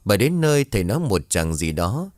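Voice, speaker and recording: A man narrating a ghost story with expressive storytelling. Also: on the low side, fairly quick, no echo, studio quality.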